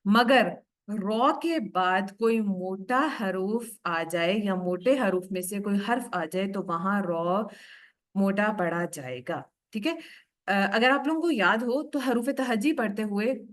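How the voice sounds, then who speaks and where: A woman teaching Quran recitation in a recorded online lesson. She explains patiently, asks questions and answers them herself, and slows right down to recite each example word carefully. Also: mid-range voice. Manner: slows down sharply to recite Arabic words carefully.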